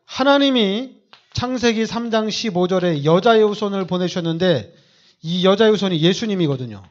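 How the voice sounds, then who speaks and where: Emphatic preaching man, high lively voice. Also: moderate pace, muffled recording. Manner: emphatic, repetitive preaching with rhetorical questions. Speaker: pastor. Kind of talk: sermon.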